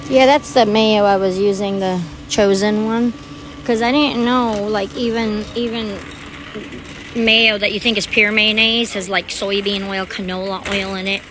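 A woman's voice with a middling pitch, chatting to her viewers and rambling from one thing to the next as she walks through a big store. Store noise sits clearly behind her. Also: steady tone, unhurried, fairly bright tone, low-quality recording. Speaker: vlogger. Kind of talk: casual chat while shopping. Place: large store.

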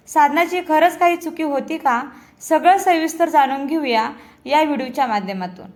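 High-voiced woman narrating true crime. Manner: addresses viewers directly, solemn storytelling.

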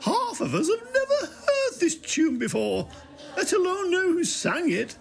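A woman's voice: very high voice, big pitch swings, a little slow, vocal fry, exaggerated voice. A woman voicing a prim, easily offended lady in an amateur rehearsal. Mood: indignant. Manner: prim, indignant.

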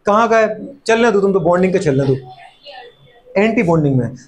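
A man with a high-pitched voice lecturing a chemistry class. He talks in quick bursts, repeats his own catchphrases, throws out questions and teases students who get things wrong. He often answers for them in a mock student voice. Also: animated. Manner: playful scolding, voices students' replies. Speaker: chemistry teacher.

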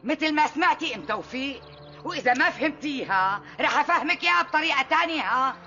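A woman's voice: high voice, animated, quick pace, bright, forceful tone, dull audio, slight background noise, full character voice. An actress playing a protective middle-aged Damascene mother who threatens her rival in a period TV drama, with a Damascene Syrian accent. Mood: defiant. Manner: threatening, proud. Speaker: mother-in-law.

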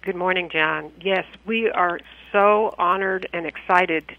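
A man's voice: high-pitched, fairly even intonation, unhurried. A man co-hosting a radio interview, asking polite, earnest questions. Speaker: radio co-host. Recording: dull dry phone-line radio audio.

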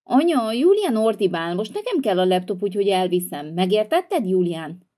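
A woman's voice: mid-range voice, lively intonation, warm tone, close to an everyday voice. A woman voicing a bossy, reproachful older sister in a toy-figure video. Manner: reproachful and nagging.

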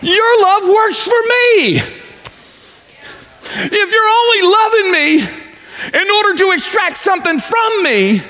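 A pastor in his forties preaching a sermon on a large church stage, pacing as he talks and swinging from loud to low. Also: animated, slow, long pauses. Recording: echoey church hall.

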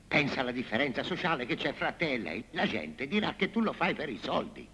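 An actor playing a bossy middle-aged parish priest, admonishing in a film comedy. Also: male voice, mid-range voice, sing-song, a little fast, bright, forceful tone, slightly rough, exaggerated voice. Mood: grave admonishing.

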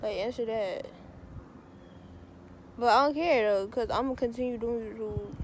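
Young woman vlogger, casual slangy chat to camera, pitched a little high, outdoor phone audio with plenty of background noise. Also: moderate pace. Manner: loose, slangy, talks straight to viewers. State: out of breath. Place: outdoor park playground.

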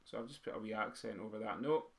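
A man's voice: lowish voice, fast, vocal fry. A man teaching pipe band drummers to write music, counting beats aloud and singing the rhythms in drum syllables. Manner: sings drum rhythms in vocables; quizzes the students. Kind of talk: teaching a music theory lesson.

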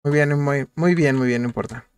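A man's voice: medium pitch, moderate pace, clean tone. A man casually commenting on his gameplay, joking and talking to viewers while repeating short words in bursts. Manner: chatty, jokey, talks to viewers while playing. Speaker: gameplay youtuber.

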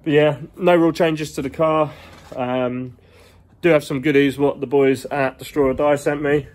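This twenty-something car vlogger records on a phone held out at arm's length as he wanders a large indoor garage workshop, chatting casually. His voice sits a little high and has a darkish quality, and he talks a bit slowly with fairly even intonation. His delivery is loose, rambling, and slangy.

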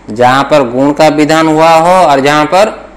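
Slow-spoken male grammar teacher. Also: fairly high pitch. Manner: quizzing students, repeating points for dictation. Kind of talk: classroom grammar lesson.

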